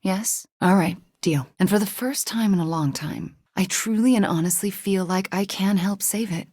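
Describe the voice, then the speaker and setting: A woman playing a guilt-ridden young witch superheroine in a video game, earnest and measured, with a dry wit. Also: mid-range voice, darkish tone, no room sound, lightly acted. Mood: earnest, warm.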